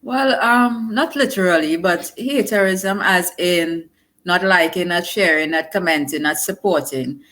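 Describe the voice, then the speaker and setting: Low-voiced Trinidadian woman guest. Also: unhurried, fairly bright tone. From Trinidad and Tobago. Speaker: guest, digital marketer. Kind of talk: casual interview chat.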